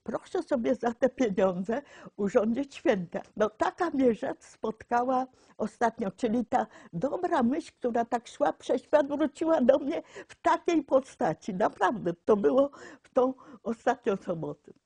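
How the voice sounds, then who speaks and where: Husky, mellow-voiced elderly woman telling stories. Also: high voice, animated, unhurried, no room sound. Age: 80s. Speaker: local resident being interviewed. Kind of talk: informal personal storytelling. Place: small cluttered room indoors.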